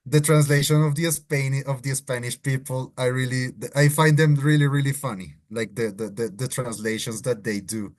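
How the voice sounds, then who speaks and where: Latin american guy hosting a live spanish slang lesson, draws out his words, middle-pitched voice. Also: fairly even intonation, moderate pace, hardly any pauses. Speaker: Spanish teacher.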